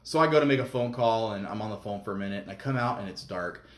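A man's voice: on the low side, fast, roomy sound. A man telling a war story in casual, profane podcast talk. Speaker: podcast guest, military veteran.

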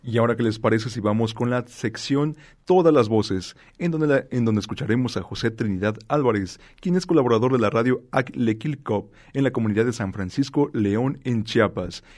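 A man hosting a radio program, speaking in a mid-pitched voice. He introduces segments in a measured, scripted manner. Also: darkish tone. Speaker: radio host.

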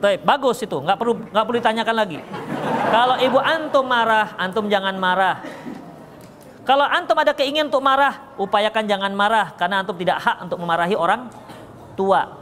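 A man's voice: sits high, fairly quick, background noise. A man giving a religious lesson and answering questions, teasing and chuckling often. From Medan, Indonesia. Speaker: Islamic preacher answering questions. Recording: echoey hall with faint ambience.

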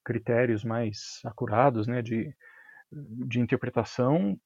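A man with a Brazilian Portuguese accent, a violin teacher explaining ideas in a casual interview, animated and full of slang and tag questions. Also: mid-range voice, a little slow, vocal fry, slightly rough, no room sound, lo-fi sound.

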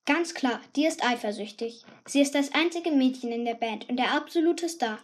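Woman, high voice, audiobook narration, lively, cheeky. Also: normal speed. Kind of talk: scripted first-person narration.

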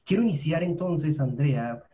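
A man's voice: fairly high pitch, expressive, measured pace, dark tone. A young adult man from Colombia hosting a podcast, speaking with enthusiasm and addressing his audience directly. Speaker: podcast host. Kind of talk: casual conversational interview.

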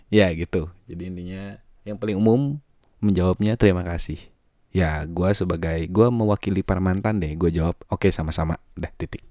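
A man's voice: low voice, mellow, no echo, clean studio sound. A young man, hosting a casual chat, joking and laughing often as he reads out listener messages. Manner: joking, laughs often, slangy Jakarta banter. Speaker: host reading listener messages.

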